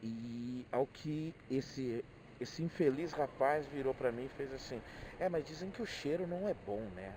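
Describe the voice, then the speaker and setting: A middle-aged motorcyclist vlogger with a Brazilian accent thinks aloud in a casual, rambling monologue of personal reflections. He sounds hesitant and often repeats words, speaking at a measured pace in a medium-pitched voice against a noisy background.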